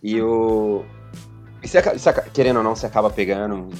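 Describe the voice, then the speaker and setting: A Brazilian man with a Brazilian accent in casual podcast chat, explaining things calmly. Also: fairly low pitch, fast, faint music behind.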